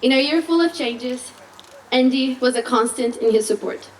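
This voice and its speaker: A woman's voice: high voice, moderate pace. A young woman, a graduating student, giving a playful, teasing introduction at a ceremony. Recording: distant mic with faint noise.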